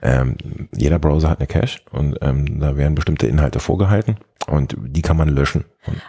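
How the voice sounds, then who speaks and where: A man's voice: very deep voice, moderate pace, warm tone, breathy edge. A man co-hosting a casual tech podcast, explaining step by step with many hesitations and fillers. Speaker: podcast co-host.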